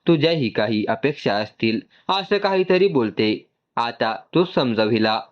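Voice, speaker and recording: A man's voice: medium pitch, animated, measured pace, highs cut off, close to an everyday voice. A man voicing a soothing, apologetic young man in a read-aloud story. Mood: gentle. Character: gentle reassuring young man.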